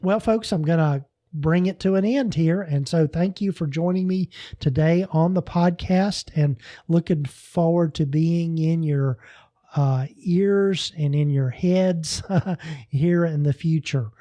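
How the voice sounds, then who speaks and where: A male podcast host with a fairly high, warm voice, rambling through a casual sign-off full of restarts. The sound is dry and close, with faint music behind him. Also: slow pace, no echo. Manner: rambling, many fillers and restarts.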